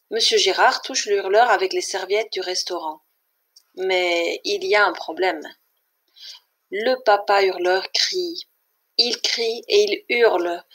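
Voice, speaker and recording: A woman's voice: mid-range voice, a bit bright. Woman reading a children's story aloud. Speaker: reader.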